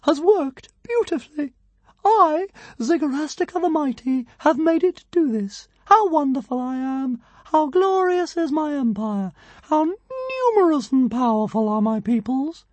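A man's voice: extremely high pitch, very animated, measured pace, a little mellow, no echo, voice pushed up, full character voice. A man voicing a tiny, boastful male dragon emperor with grandiose, singsong proclamations.

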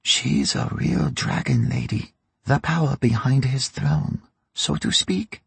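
A male reader performs a dry, raspy old crime matriarch in an audiobook, making her sly and mocking as she bargains, in a gossipy mood. Her husky, gravelly voice is pushed well above his own, mid-range and a bit bright, slow and drawn out yet full of huge pitch swings in an exaggerated performance. The recording is close and dry.

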